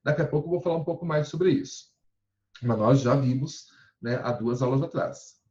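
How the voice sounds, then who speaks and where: A male Portuguese teacher giving a recorded grammar lesson, patiently explaining and slowing down to spell out verb forms, often checking in with "tá?". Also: mid-range voice, darkish tone. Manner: ends phrases with checking tags like "tá?". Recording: echoey room, dull lo-fi sound.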